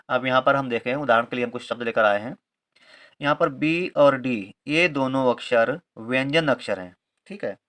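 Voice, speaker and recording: A man's voice: mid-range voice, a bit bright. A man teaching English reading rules, patiently spelling words letter by letter and repeating each point with a confirming aside. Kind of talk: Hindi-medium English reading lesson.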